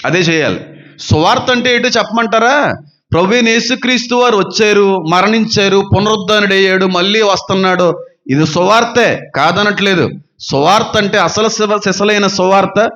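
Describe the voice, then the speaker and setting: A fervent male pastor preaches, firing rhetorical questions and swinging from loud to soft. His voice sits a little high. The recording is dull and lo-fi. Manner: says he talks fast and gives quick counters. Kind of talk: preaching sermon. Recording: dull lo-fi sound.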